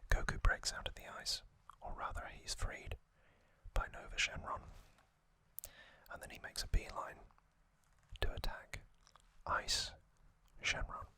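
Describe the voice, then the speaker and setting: Close to the mic, an ASMR host recaps a story in a soft, breathy whisper. His phrases come slowly and haltingly, and his manner stays gentle.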